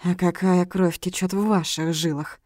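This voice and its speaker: A woman's voice: lowish voice, steady tone, moderate pace, darkish tone, dry recording, studio quality, close to an everyday voice. A woman voicing a ruthless male gang leader who speaks coldly and threateningly. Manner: cold, threatening.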